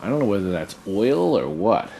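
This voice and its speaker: A man's voice: lowish voice, very animated, normal speed, creaky, mellow, a little hiss or hum. A man hosting a casual walk-through tour video, chatty and rambling with jokey asides. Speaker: host giving a video tour of his arcade business. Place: indoors in an arcade game warehouse.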